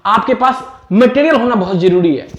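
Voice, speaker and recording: A man's voice: sits high, lively intonation, moderate pace, reverberant. A man giving a motivational spoken-English lesson, mixing Hindi with simple English phrases and repeating each point. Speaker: English teacher.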